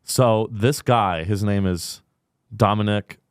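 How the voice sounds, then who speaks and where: A man hosting a podcast, joking crudely and sarcastically in casual chat, often jumping into a high mocking pitch. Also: takes it slowly, smooth, no echo, clean studio sound. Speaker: podcast host.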